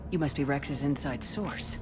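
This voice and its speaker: An actress playing a composed, authoritative human military commander in a video game, direct and measured in manner. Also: female voice, a bass voice, over music. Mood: surprised, probing. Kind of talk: video game cutscene acting.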